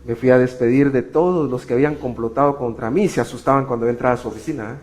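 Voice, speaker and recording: A middle-aged man preaching a sermon, telling a personal story with sudden swings between loud emphasis and hushed passages. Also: mid-range voice, quick pace. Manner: animated, shifting sharply between loud emphasis and quiet. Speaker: pastor.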